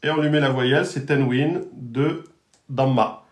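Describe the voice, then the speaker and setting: A man's voice: medium pitch, steady tone, unhurried. A man teaching an online lesson on Arabic letters, patiently repeating and drilling each pronunciation. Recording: roomy echo.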